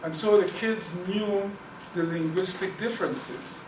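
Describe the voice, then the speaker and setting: A guest lecturer from Guyana covering Caribbean languages speaks a little slowly in a high voice during his talk and question session. Sincere in tone, he often repeats words mid-thought. The audio echoes, sounds far from the mic, and carries noise.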